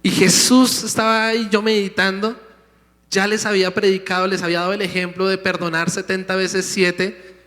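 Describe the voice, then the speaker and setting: A man's voice: high voice, flat delivery, normal speed, a bit bright. A pastor preaching a sermon, emphatic, calling out to his congregation in a church sanctuary. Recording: long hall reverb.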